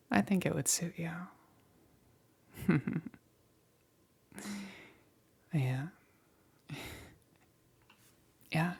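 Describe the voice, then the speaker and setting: In an ASMR roleplay, a woman voices a smug, teasing demon queen, her breathy whisper carrying a taunting, seductive menace. Her voice sits low and is exaggerated. She speaks slowly and tauntingly, breaking it up with soft chuckles.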